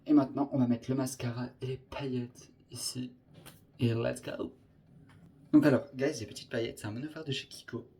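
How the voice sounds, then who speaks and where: A man's voice: medium pitch, steady tone, normal speed, warm tone. A young man chatting casually through a makeup tutorial, rambling and scattered, dropping English filler words. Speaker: makeup vlogger.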